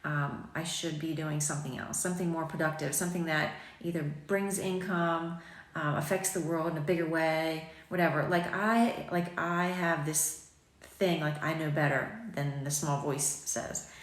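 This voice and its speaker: A boutique owner in her forties vlogs from a sunny home kitchen, holding her phone at arm's length as she chats casually with viewers. Her low voice has a slight morning rasp and fairly even intonation at a normal speed, and she rambles in a self-deprecating way with frequent ums. The indoor kitchen adds a noticeable echo.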